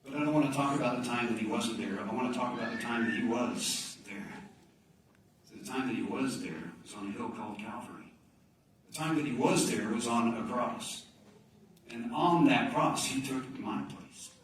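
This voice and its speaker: A man's voice: mid-range voice, fairly quick, background noise. A male pastor delivering a sermon in a church, his voice rising with emphasis and falling to near whispers as he acts out quoted pleas. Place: church sanctuary. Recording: very echoey church, mic at a distance.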